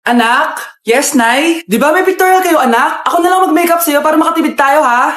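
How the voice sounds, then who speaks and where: Woman, very high voice, theatrical, exaggerated, acted storytime skits. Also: a little fast, fairly bright tone. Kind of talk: animated acted storytime skits voicing every character.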